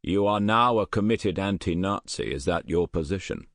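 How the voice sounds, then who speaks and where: A low-voiced man, speaking at normal speed with lively intonation, voices an audiobook character: a shrewd, rotund sixty-something British colonel with a hint of Scottish. The mood is dry and probing, his questions clipped. No echo is heard.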